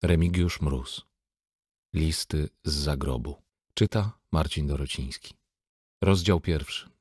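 A man narrating a novel for an audiobook in a calm, measured storytelling manner, recorded close to a studio mic. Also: very deep voice, breathy edge, dry recording.

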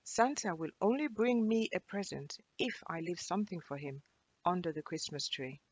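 A woman reading aloud in a high, childlike voice as a little girl at Christmas in a children's storybook. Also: lively intonation, moderate pace, husky. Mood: pleading.

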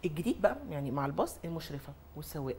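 A woman's voice: deep voice, very fast, slightly rough. A woman with an Egyptian Arabic accent, a mother and influencer on a talk show, chatting comically and mimicking other mothers. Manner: animated storyteller, mimics other mothers, laughs often. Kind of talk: comic casual chat.

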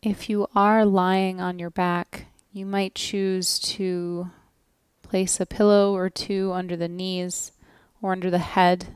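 Her pitch barely moves as a yoga nidra instructor softly guides a relaxation session at a very slow, leisurely pace, leaving long pauses. The woman's medium-pitched voice is smooth and clear, captured in a close, dry recording.

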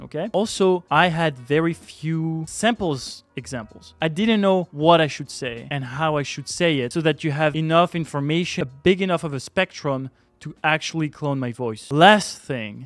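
A man's voice: a little high, no room sound. A man hosting a tech video, talking casually and teasingly to friends and to camera.

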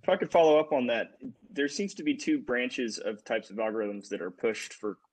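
A man's voice: mid-range voice, expressive, moderate pace, slight background noise, rough recording. A man on a panel over a video call, politely asking a follow-up question. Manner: polite, inquiring.

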